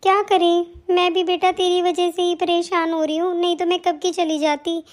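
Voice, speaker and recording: A put-upon, self-pitying older mother-in-law from a home comedy sketch, played by a woman. She grumbles and complains in a very high voice. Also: flat delivery, normal speed. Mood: pleading.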